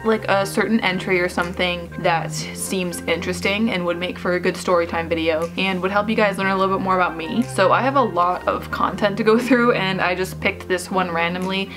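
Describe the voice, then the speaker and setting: A woman's voice: lowish voice, fairly even intonation, fairly quick, few pauses, over music. A young woman vlogger chatting casually to viewers in a loose, slangy, self-deprecating way. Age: young adult.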